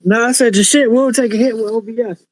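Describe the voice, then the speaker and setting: A man chiming into a casual gaming chat with quick, insistent interjections, his voice muffled as if heard through a wall. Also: very high voice, steady tone, a little mellow, no room sound.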